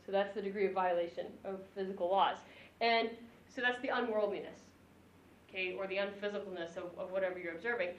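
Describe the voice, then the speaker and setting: A woman physics lecturer teaching a class, animated and joking, chuckling between her points. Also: medium pitch, fast. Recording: echoey, dull lo-fi room recording.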